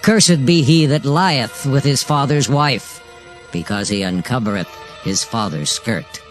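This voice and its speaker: A man's voice: mid-range voice, lively intonation, a little slow, lightly acted. A man playing a stern ancient prophet, solemn and declamatory, in a dramatized Bible reading over music. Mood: stern, condemning. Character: stern ancient prophet proclaiming sacred law and curses.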